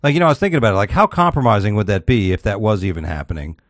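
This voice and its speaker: A man with a lowish voice chats in crude, opinionated banter, swearing freely and often breaking into laughter. The sound is dry and close, with no room around it. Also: sing-song, racing, no echo.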